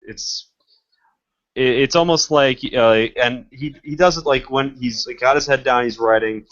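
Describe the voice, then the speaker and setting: A man narrating a tabletop role-playing game as game master, speaking hesitantly with many pauses and restarts over a muffled voice chat recording. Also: medium pitch, a bit bright.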